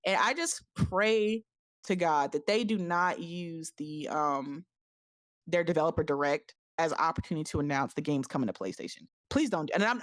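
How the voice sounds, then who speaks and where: A woman with a slightly low voice and a dry sound with little room in it. She rants casually as a podcast host, animated and exasperated, stumbling over words and repeating phrases as she argues her point. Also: no room sound. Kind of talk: casual opinionated gaming podcast chat.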